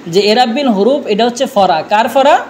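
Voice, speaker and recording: Male teacher, very high voice, drills by question and answer, faint background noise. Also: animated, normal speed, a little mellow. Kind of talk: classroom grammar lesson.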